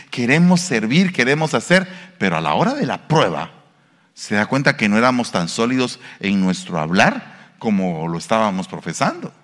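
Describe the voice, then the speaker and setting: A man's voice: medium pitch, a bit bright. A male pastor, preaching a sermon and putting questions to the congregation. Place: church. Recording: reverberant church hall.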